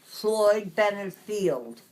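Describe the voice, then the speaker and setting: An elderly woman in her nineties from Brooklyn, reminiscing in a casual interview, haltingly, searching for words and repeating phrases. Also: mid-range voice, animated, a little mellow, a little hiss or hum, poor audio. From Brooklyn, New York. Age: 90s. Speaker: interviewee recalling the past.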